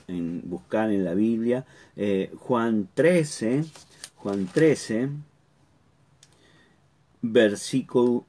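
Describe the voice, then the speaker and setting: Guy w teaching bible study, slow, lowish voice, stops and repeats himself a lot. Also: mellow. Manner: halting, repeats words, checks in with "¿sí?".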